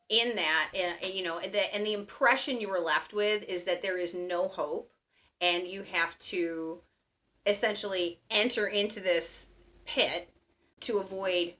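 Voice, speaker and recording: A woman's voice: mid-range voice, a bit bright. A woman telling the story of a recurring dream in a chatty way, full of fillers. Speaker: dreamer guest. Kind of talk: conversational storytelling.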